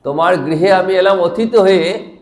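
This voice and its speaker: A man voicing a gentle, commanding holy lord who speaks calmly and reassuringly within a devotional story. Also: high-pitched, moderate pace, reverberant, close to an everyday voice.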